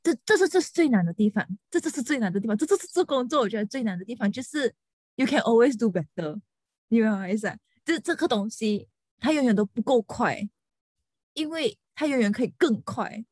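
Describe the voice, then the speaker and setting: A young woman lawyer venting about work in a casual podcast chat, animated and dropping English words into her talk. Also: fairly high pitch, fairly quick, dry recording.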